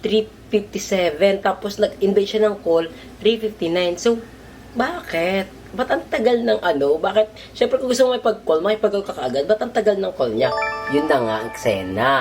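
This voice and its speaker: A man telling a story in a casual vlog, gossipy and animated, his pitch jumping up and down a lot. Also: moderate pace, soft background music. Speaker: vlogger.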